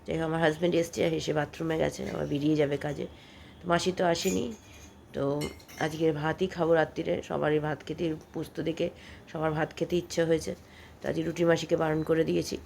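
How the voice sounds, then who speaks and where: A woman's voice: sits low, level tone, fast talker, creaky, darkish tone, a little hiss or hum. A woman in her thirties with a cold, chatting in a rambling, homely way as she vlogs her day at home. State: coughing, with a cold. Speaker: vlogger. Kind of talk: casual daily vlog narration.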